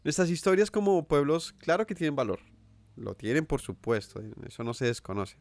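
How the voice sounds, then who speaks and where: A Colombian man with a Colombian accent delivers an earnest teaching sermon at normal speed, his fairly high, darkish voice swinging widely in pitch. As a preacher, he asks listeners questions and repeats phrases for emphasis.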